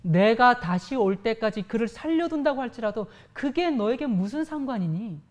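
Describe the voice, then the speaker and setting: A woman preacher voicing Jesus, speaking calmly, low and firm. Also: moderate pace, close to an everyday voice. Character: Jesus, calm and firm teacher.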